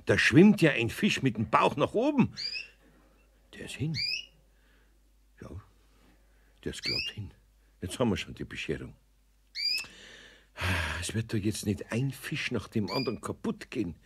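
A man's voice: mid-range voice, wildly swooping pitch, a little slow, long pauses, heavy background noise. An older man with a Bavarian accent playing an old master carpenter in a radio play, grumbling and exclaiming to himself. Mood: worried muttering. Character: old master carpenter, gruff but caring.

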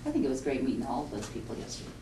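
Chatty low-voiced woman in her fifties. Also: wildly swooping pitch, rapid-fire. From Montana. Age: 50s. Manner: chatty, laughs easily. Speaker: patient. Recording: roomy, distant, noisy room sound.

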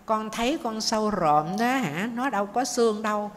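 A woman's voice: medium pitch, lively intonation, normal speed, natural voice. A woman voicing a small baby snail that complains, with a plaintive, whining manner. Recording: faint noise, long hall reverb.

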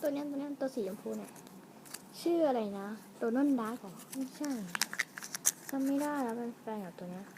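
A woman with a fairly high voice talks casually to her viewers while unboxing toys at home, wandering off into musings mid-sentence. It is a home camera recording with clear noise underneath. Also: lively intonation, brisk. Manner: chatty, addresses viewers, trails off and muses aloud. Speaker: vlogger reviewing toys and snacks. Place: room at home.

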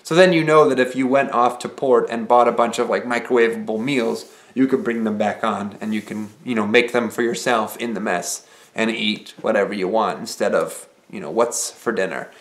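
A young man talking relaxed and conversational to the camera in a small living room, explaining things with casual filler phrases. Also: lowish voice, normal speed. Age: young adult. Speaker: vlogger. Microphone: camera mic, head-and-shoulders framing.

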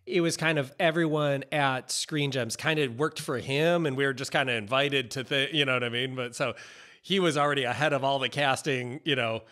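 An American film director in his forties hosts a podcast from an indoor office over a video call, chatting casually and acting out quoted exchanges as he tells stories. His medium-pitched voice is pushed and bright and runs a little fast. He speaks into a close boom-arm podcast mic.

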